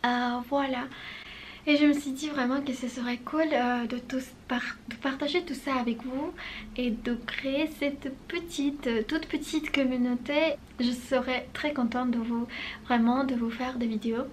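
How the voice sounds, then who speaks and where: A woman hosting her own channel who talks casually to her viewers in French with a non-native accent. She speaks unhurriedly and hesitantly, with many pauses and fillers. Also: sits high, steady tone, slight background noise. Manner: deliberately unhurried delivery. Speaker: channel host.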